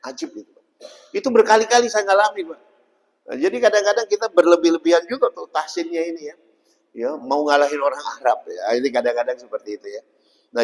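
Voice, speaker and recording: A man preaching in a loose, joking way, sprinkling his talk with friendly tags to the listeners. His voice sits fairly high for a man. It rings through a mosque hall with a long reverb tail. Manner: jokey, chatty, keeps tagging "Pak" and "ya". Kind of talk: casual dawn-study sermon.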